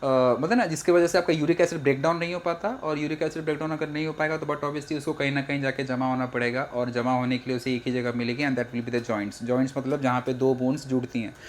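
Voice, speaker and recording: A man's voice: medium pitch, flat delivery, fast, few pauses, a little hiss or hum. Chatty joking man teaching biology. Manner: chatty, joking, mixes English phrases into Hindi. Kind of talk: casual exam-prep lecture.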